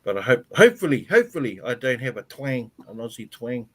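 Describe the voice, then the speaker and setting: A man's voice: medium pitch, very animated, a little fast, a bit bright, slightly rough. A man with a New Zealand accent, chatting casually and joking on a podcast. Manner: laid-back, joking, calls people bro. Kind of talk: casual chat.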